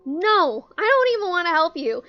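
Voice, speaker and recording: Girl streamer chatting thru a game, high voice, jokey, kinda muffled mic. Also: big pitch swings, normal speed. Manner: chatty, joking, reads game text aloud. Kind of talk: casual gameplay commentary.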